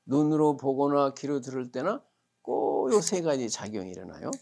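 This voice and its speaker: A man's voice: medium pitch, big pitch swings, normal speed, creaky, a little mellow. A male Buddhist monk giving a dharma talk, telling it vividly with rhetorical questions and acted-out quotes. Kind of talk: sermon.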